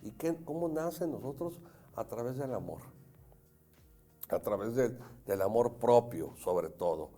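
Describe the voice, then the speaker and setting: A man's voice: mid-range voice, expressive, unhurried, mellow, faint music behind. A middle-aged man from Jalisco with a Mexican accent, hosting a talk show and telling stories earnestly to the audience. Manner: anecdotal, earnest, addresses audience. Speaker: host. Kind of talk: casual talk show chat.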